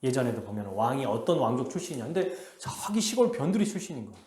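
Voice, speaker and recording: A male pastor preaching a sermon with animated delivery, acting out the quotes he reads. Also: medium pitch, fast, echoey room. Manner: animated, acts out quotes in a lively voice. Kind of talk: expository sermon. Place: church sanctuary.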